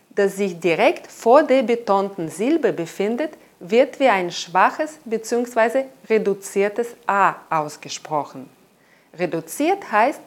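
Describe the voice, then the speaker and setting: Woman teaching a language lesson, talks slow and super clear, lots of up and down in her voice. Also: medium pitch. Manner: slow, careful, clearly enunciated explanations. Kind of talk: scripted instructional narration.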